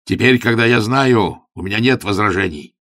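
A man voicing a pompous older vicar who speaks in a solemn, measured, sermonizing way. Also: fairly low pitch, a bit bright, no echo, clean studio sound, voice pushed up. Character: pompous older male vicar granting permission.

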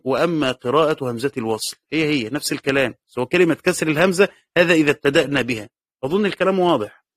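A man's voice: fairly high pitch, fairly bright tone, no room sound, studio quality. Egyptian man lecturing on a text. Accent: Egyptian Arabic. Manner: reads a passage aloud, then explains it, repeating key words. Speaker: teacher of Quran commentary. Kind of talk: classroom lecture reading and explaining a text.

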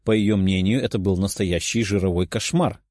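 Man reading an audiobook, mellow. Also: deep voice, normal speed, no echo, studio quality. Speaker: audiobook narrator. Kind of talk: scripted audiobook narration.

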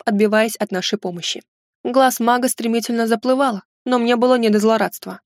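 A woman narrating a first-person fantasy novel in an expressive storytelling manner. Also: no room sound, studio quality. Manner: expressive, raises pitch for heroine's exclamations. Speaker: audiobook narrator.

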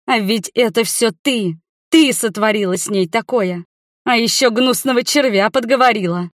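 Fiery young heroine, woman reading her, agitated and loud, dry audio. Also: on the high side, normal speed, no room sound, voice pushed up, close to an everyday voice. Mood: furious. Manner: agitated, shouting in anger.

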